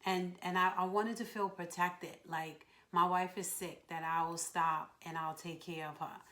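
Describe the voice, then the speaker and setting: A woman's voice: lowish voice, steady tone, measured pace, bright, forceful tone. A woman sharing a personal story in a devotional with her husband, earnest and reflective, over a video call. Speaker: wife co-hosting a devotional. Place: home, joining an online meeting.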